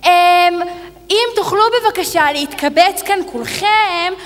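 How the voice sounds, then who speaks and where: An actress playing a flustered young guide who fumbles for words. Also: female voice, very high-pitched, a bit bright. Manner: fumbling, improvising. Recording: long reverb.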